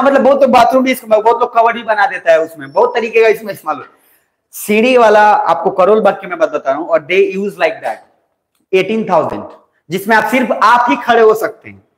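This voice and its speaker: A young male teacher with a high, bright voice gives a coaching lecture. He is talkative, slows down to dictate notes, and keeps checking that the class follows. The sound is roomy and echoes off the classroom walls. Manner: talkative, dictates notes slowly, asks students if they follow. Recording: roomy echo.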